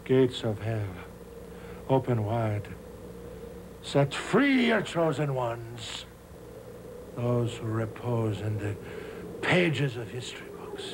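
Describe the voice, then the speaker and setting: An actor playing a pompous seance medium, solemnly and grandly invoking the spirits in a film drama. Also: male voice, medium pitch, animated, slow, long pauses, noisy background. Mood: solemn, grandiose. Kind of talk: theatrical film acting.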